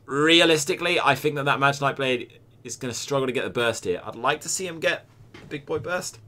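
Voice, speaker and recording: A man's voice: mid-range voice, fast, pushed and bright. A young Scottish man streaming and commentating a game tournament, joking, swearing and chatting to his viewers.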